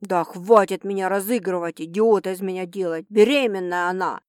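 A woman voicing a coarse, angry male producer who talks rough and scornful, in a spoken audiobook. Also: mid-range voice, normal speed, darkish tone, no room sound, clean studio sound, pitched below the performer's own voice, lightly acted. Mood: mocking.

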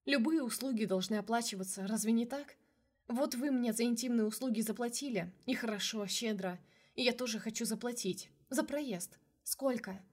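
A young heroine in an audiobook, her voice strained and high from crying. She lashes out with bitter sarcasm between sobs, as a woman reader acts her out. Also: measured pace, husky. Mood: sarcastic. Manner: sarcastic, then breaking into sobs. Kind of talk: audiobook character voice.

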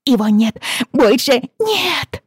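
A woman voicing a small girl wailing and sobbing in panic, with high drawn-out cries. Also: flat delivery, dark tone, dry recording, studio quality. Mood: sobbing, panicked.

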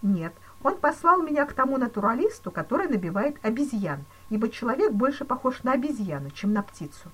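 A solemn police chief , played by a woman reader, breaks terrible news with grave regret. The voice moves lively up and down. It is a storybook reading. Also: a little high, a little fast, hardly any pauses, slightly rough, pitched above the performer's own voice. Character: solemn, mock-sympathetic male police chief.

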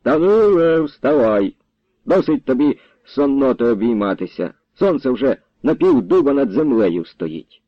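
A man voicing a grumpy, bossy old village grandfather who scolds and shouts at the young men. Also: medium pitch, sing-song, a little fast, hardly any pauses, no echo. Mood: scolding. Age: older. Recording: dull, dry recording.

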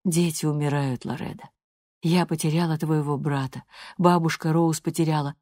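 A woman voicing a weary, grieving mother who speaks softly and slowly with resignation. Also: low-pitched, steady tone, natural voice.

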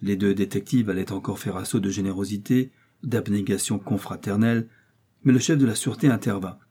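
Husky, mellow male narrator. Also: fairly low pitch, fairly quick. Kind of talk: audiobook narration.

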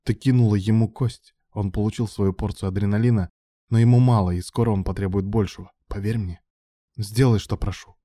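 A brooding young man, voiced by a male narrator, barking forceful demands in a lowish, mellow voice. The delivery is intense and commanding, and the audiobook recording is dry. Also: steady tone, brisk, no echo, natural voice. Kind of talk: audiobook dialogue.

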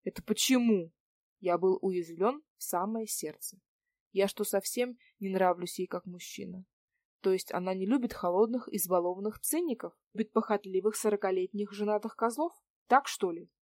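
A woman reading a novel aloud in even first-person storytelling. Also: medium pitch, moderate pace, no room sound, clean studio sound. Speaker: audiobook reader. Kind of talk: scripted audiobook narration.

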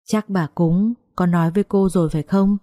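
A woman voicing an old village spirit medium who gives flat, unhurried instructions. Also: lowish voice, no room sound, clean studio sound, close to an everyday voice. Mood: calm.

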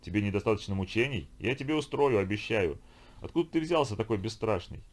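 A man's voice: lowish voice, expressive, fast. A man voicing a brutal viking pirate chieftain in an audiobook, barking orders and threats. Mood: furious. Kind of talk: audiobook character voice.

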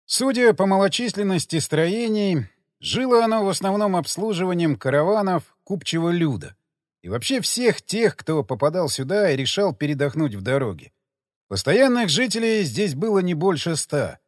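A male audiobook narrator with a fairly high, very lively voice, telling the story expressively. The recording is dry and close. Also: moderate pace, no room sound.

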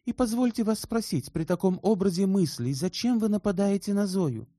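A man's voice: high voice, animated, moderate pace, mellow, no echo, clean studio sound, voice pushed up. A man voicing an earnest, direct young woman in an audiobook, asking poised, pointed questions. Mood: cool, pointed. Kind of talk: audiobook character reading.

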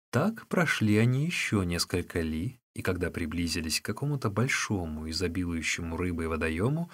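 A man narrating an audiobook of a classic novel in a measured storytelling manner. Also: mid-range voice.

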